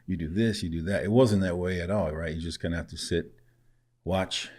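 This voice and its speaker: A very low-voiced man from Samoa who grew up speaking tells stories in relaxed conversation, often laughing. He sounds like a guest in his thirties on a laid-back podcast, talking a little fast with a breathy edge.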